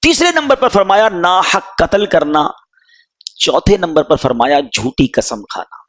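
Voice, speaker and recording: A man's voice: high voice, lively intonation, a bit bright. A man with a Pakistani Urdu accent preaching a sermon, emotional and pleading with his listeners.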